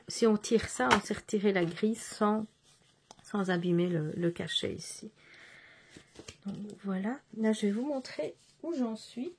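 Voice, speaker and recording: A woman's voice: medium pitch, darkish tone, a little hiss or hum. A woman chatting through a casual show-and-tell vlog, hesitant and often restarting her words. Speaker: cross-stitch vlogger.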